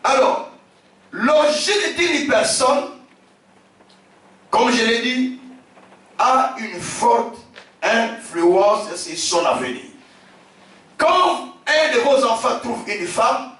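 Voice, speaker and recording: A man from Africa, a bishop preaching a sermon, emphatic, repeating his phrases and shouting key lines. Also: extremely high pitch, very animated, very slow, pauses often. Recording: very echoey hall, distant from the mic.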